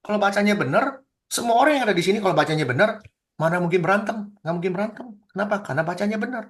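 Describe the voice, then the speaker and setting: Pastor guy, high voice, emphatic and indignant, acting out dialogue on a video call. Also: lively intonation, rapid-fire. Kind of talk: animated teaching discussion.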